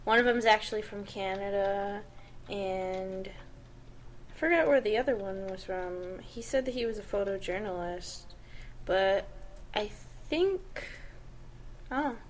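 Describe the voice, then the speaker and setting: Young female co-host, upbeat and chatty, medium pitch, faint hiss. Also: measured pace, long pauses. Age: young adult. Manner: chatty, upbeat, rambling with fillers. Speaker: podcast co-host. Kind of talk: casual chat.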